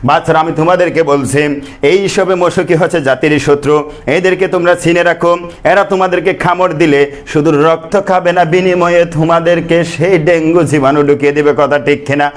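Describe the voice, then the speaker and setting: A man's voice: a little high, fairly even intonation, normal speed. A man teaching a biology class, joking and chatty, often asking students to answer or repeat after him. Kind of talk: playful classroom lecture.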